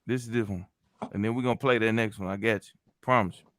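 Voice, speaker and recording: A man's voice: on the low side, steady tone, quick pace, a bit bright. A man hosting a stream, chatting casually in a laid-back, slangy way. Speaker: stream host. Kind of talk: casual chat.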